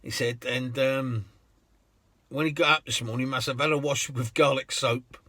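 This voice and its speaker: A man, a cab driver telling anecdotes in a chatty way, laughing often and filling pauses with ums. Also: medium pitch, steady tone, sharp tone, no echo. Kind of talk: anecdotal storytelling.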